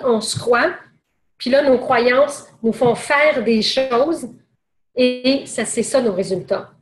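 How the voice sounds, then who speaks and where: A woman leads a sales training session in a slightly high voice. She talks conversationally, restarting phrases and adding fillers as she goes. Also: roomy sound. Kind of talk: training seminar talk.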